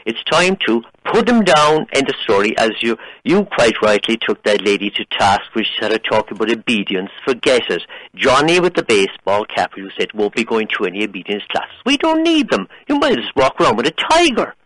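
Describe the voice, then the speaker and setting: A man's voice: mid-range voice, big pitch swings, moderate pace, a bit bright, no echo, low-quality recording. Emphatic Irish man with swooping intonation. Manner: opinionated, emphatic, condescending. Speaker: caller to a radio phone-in. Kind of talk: heated phone-in debate.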